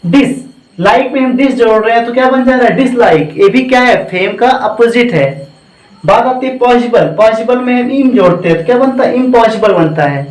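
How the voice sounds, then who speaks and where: A man's voice: very high voice, lively intonation, normal speed, reverberant, rough recording. A man with an Indian English accent teaching a grammar lesson, often repeating and quizzing the class with questions. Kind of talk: classroom lecture.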